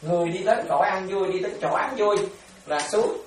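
A man, a monk, giving a chatty, animated dharma sermon full of stories and repetitions. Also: high voice, fairly quick. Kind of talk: sermon with storytelling. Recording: echoey, distant mic, faint noise.

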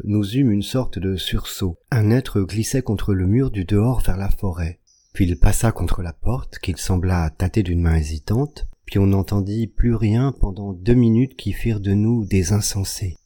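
Man, audiobook narration, measured and deliberate, low voice, dark mellow tone. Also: husky. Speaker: audiobook reader.

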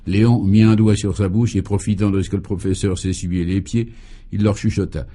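Male narrator for a radio serial, deadpan and dry, with a lowish, warm tone. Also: brisk.

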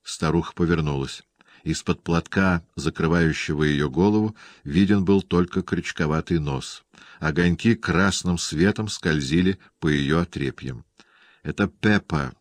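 A man narrating an audiobook in a measured, even reading style, recorded on a close studio mic. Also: low-pitched, no room sound.

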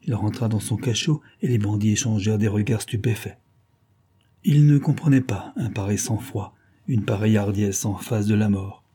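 A man narrating a detective novel as an audiobook, in a steady, even reading. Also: fairly low pitch, normal speed, husky.

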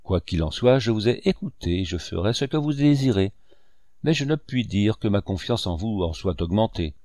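A man's voice: fairly low pitch, lively intonation, normal speed, warm tone, no room sound, studio quality, lightly acted. A man reading a blustering squire. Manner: blustering, exclaiming. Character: talkative hot-tempered male country squire. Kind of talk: audiobook reading.

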